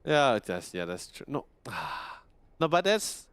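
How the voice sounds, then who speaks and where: A man's voice: mid-range voice, very animated, slow pace, fairly bright tone, smooth, no echo. A young man casting an esports event, chatting casually and laughing often. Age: young adult. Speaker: esports caster. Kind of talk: casual caster banter.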